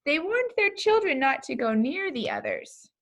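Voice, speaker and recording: Expressive woman reading a children's storybook. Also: high-pitched. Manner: expressive, deliberate storytelling delivery. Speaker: pastor reading a children's book. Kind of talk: children's storybook read-aloud.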